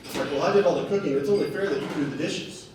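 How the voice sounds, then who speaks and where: Guy doing standup in a bar, kinda high voice, heard from back of the room, echoey. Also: rapid-fire, recorded from a distance, noisy background. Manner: deadpan storytelling with acted quotes. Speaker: stand-up comedian. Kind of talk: stand-up comedy set. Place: bar stage with laughing audience.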